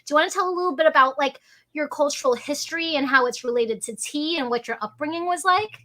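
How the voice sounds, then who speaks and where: A woman from the United States hosting a casual interview, chatty and animated, who says "like" a lot. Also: high-pitched, quick pace. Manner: chatty, animated, uses "like" often. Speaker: host.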